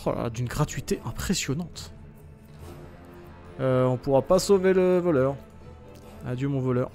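A man giving loose gameplay commentary in a mid-pitched voice. He sounds sarcastic, swears freely and mutters asides as he plays, with faint game music underneath. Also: unhurried. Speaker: gaming video host.

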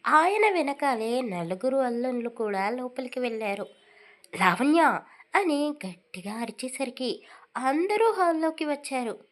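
A woman's voice: high-pitched, big pitch swings, normal speed. A woman narrating a family drama as an audiobook, reading the characters' lines with feeling. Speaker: storyteller.

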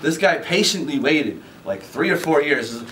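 A man's voice: on the high side, animated, measured pace, a bit bright. A man who works as a community manager tells a rambling, casual anecdote in an interview. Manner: chatty, rambling storyteller. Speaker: community manager at a game store. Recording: distant mic with faint background noise.

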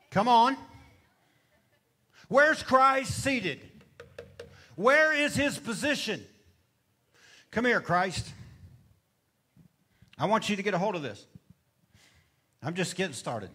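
This sermon comes from a middle-aged pastor whose voice is high, bright and forceful. He stands on a brick-walled church stage with a handheld mic, repeatedly questioning the congregation and urging them to respond.

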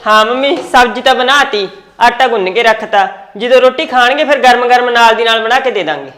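A woman with a Punjabi accent playing a quarrelsome daughter-in-law in a family skit, quick and defensive. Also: a little high, background noise.

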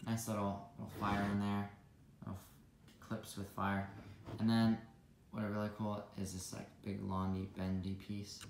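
A man's voice: fairly low pitch, normal speed, few pauses. A young man casually reviewing a toy set at a table, talking loosely with lots of fillers. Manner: relaxed, many fillers and trailing asides. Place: room at a table with toys. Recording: echoey room with clear background noise.

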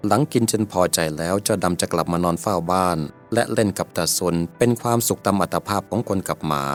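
A man telling a folk tale in measured, steady scripted narration. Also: sits low. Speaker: storyteller.

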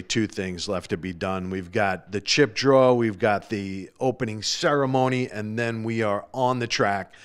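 A man's voice: medium pitch, clear, resonant tone. A man hosting and narrating a drag racing broadcast, enthusiastic and a little rambling. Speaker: host.

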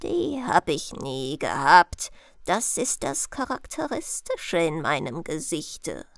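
Here is Death from a bedtime fairy tale, a menacing, yawning skeleton man put on by a woman reading aloud. He speaks low and very slowly, with lazy menace in every drawn-out word. The sound is dry and close. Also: sing-song, gravelly, fairly bright tone, no echo, exaggerated voice. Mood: sly. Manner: slow, low, yawning drawl.

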